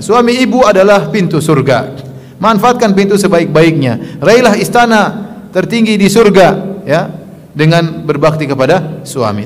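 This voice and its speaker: A male preacher giving a sermon to women, tagging his phrases with a repeated "ya" and swinging from loud emphasis to soft asides. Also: high-pitched. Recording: long reverb of a hall.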